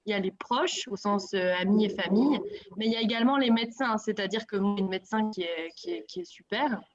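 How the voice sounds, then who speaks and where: A young adult woman giving casual personal testimony in an online discussion, in a halting conversational way. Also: medium pitch, lo-fi sound.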